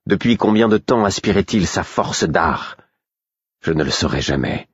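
A man narrating a fantasy novel in the first person, with measured, steady storytelling. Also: sits low, breathy edge, no echo, highs cut off. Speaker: audiobook narrator.

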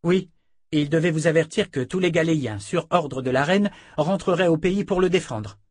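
A man's voice: a little high, moderate pace, no room sound, clean studio sound, pitched above the performer's own voice, close to an everyday voice. A man playing an earnest young officer. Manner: earnest, respectful, explaining.

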